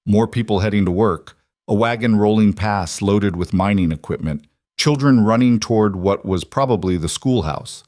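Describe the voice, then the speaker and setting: A man narrating a scripted Western story in a steady, measured way. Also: fairly low pitch, dry recording, clean studio sound.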